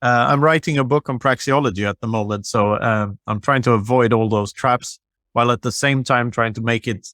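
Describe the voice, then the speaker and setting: A man's voice: medium pitch, normal speed, fairly bright tone, dry recording, clean studio sound. Chatty podcast host man, laughing easily. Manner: chatty, laughs often, full of fillers. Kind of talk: casual chat.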